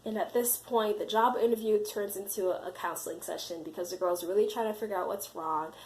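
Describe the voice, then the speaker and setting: A woman's voice: mid-range voice, a little fast, darkish tone, low-quality recording. A young adult woman casually telling a personal story to camera, full of "you know" and "like". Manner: chatty, leans on fillers like "you know" and "like". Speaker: vlogger.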